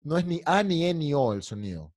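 A man's voice: on the high side, very animated, a little fast, a little mellow, no echo, clean studio sound. A man teaching an online English class, explaining in Spanish and drilling pronunciation by singing along to lyrics. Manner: irritated, scolding a heckler.

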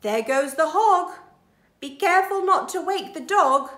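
A bumbling storybook burglar, a man acted by a woman, gullible and confident. The voice is raised and excited, with bright exclamations echoing in the room. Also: very high-pitched, a little slow, pitched above the performer's own voice, full character voice. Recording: roomy echo.

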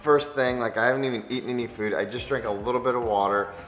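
Upbeat man with a raspy morning voice. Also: medium pitch, very fast. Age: 30s. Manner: upbeat and energetic. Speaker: vlogger. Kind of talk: casual vlog chat. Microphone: handheld camera mic. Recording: long reverb, faint music behind.

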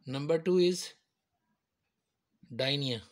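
Man slowly explaining medical terms. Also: a little high. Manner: slow, repetitive, explains step by step. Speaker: teacher. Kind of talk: medical terminology lecture.

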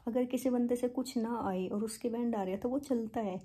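A woman's voice: fairly high pitch, fairly quick, mellow, breathy edge. A young woman from India telling a casual, chatty vlog story, with many fillers and English words mixed into her speech. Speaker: vlogger.

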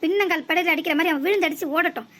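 A woman's voice: very high-pitched, racing, pushed and bright. A woman voicing a brave young male hero in a cartoon who lectures firmly and defiantly. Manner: firm, preachy and defiant.

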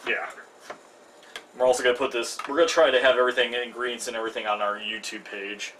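A man's voice: medium pitch, little pitch movement, fast talker. A young man hosting a live cooking stream in his home kitchen, chatty and self-mocking with jokey asides. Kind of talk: casual live cooking demo. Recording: distant mic, noisy kitchen.

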